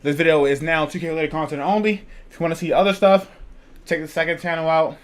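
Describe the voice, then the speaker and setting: Excitable young-sounding man reacting. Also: a little high, fast, noisy background. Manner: loose, rambling, excitable chatter. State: out of breath. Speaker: channel host reacting to a video. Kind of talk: casual reaction commentary.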